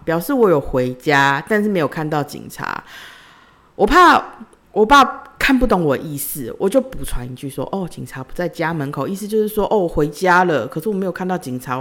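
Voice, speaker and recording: A woman, hosting a podcast and telling a personal story in a conversational way, retelling the dialogue in her own voice. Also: low-pitched. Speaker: podcast host.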